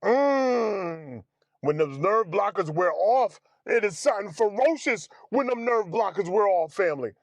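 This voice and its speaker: A man streaming, telling a personal story in a casual, animated way, acting out the dialogue and calling his listeners family and fellas. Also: sits high, moderate pace, hardly any pauses, no room sound. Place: home streaming setup.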